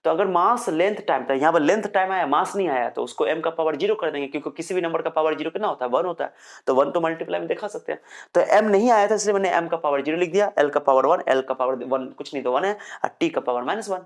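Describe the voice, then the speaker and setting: A young male physics teacher gives a recorded lecture, working slowly through each point and repeating his own questions before answering them as his students would. He reads English definitions carefully, his slightly high voice sounding a little short on energy.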